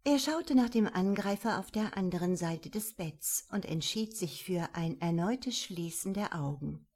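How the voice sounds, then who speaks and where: Slow, measured woman narrating a crime novel. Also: medium pitch, husky. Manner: calm, measured reading. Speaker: audiobook narrator. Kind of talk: scripted narration.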